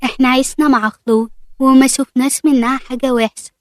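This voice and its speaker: A woman's voice: high voice, steady tone, fast talker, no room sound, clean studio sound, close to an everyday voice. A woman doing a biting, hostile young woman. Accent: Egyptian. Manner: biting and angry.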